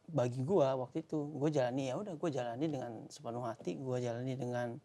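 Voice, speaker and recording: A young man, talking thoughtfully in casual podcast chat, pausing often to search for words. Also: mid-range voice, warm tone, slight background noise. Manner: thoughtful, halting with fillers. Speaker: podcast co-host.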